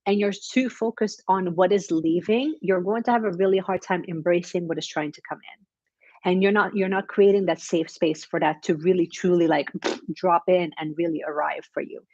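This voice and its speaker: A woman's voice: on the low side, steady tone, normal speed, a little mellow, no echo, lo-fi sound. A woman giving a casual weekly tarot reading, chatty and encouraging, with plenty of fillers and restarts. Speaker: tarot reader.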